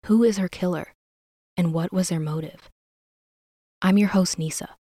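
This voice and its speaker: A woman narrates a scripted true crime story as a podcast host. Her voice is on the low side, recorded dry with very little room sound. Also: normal speed, mellow, dry recording.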